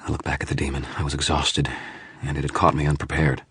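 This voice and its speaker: A man with an extremely deep, husky voice reads an audiobook in the first person. His delivery is steady and measured, and the sound is close and dry with no room around it. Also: dry recording. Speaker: audiobook narrator.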